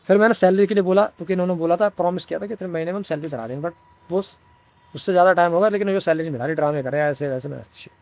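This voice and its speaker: A man's voice: sits high, rapid-fire, a little mellow. A young man from India ranting bluntly and profanely in a casual vlog story. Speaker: vlogger.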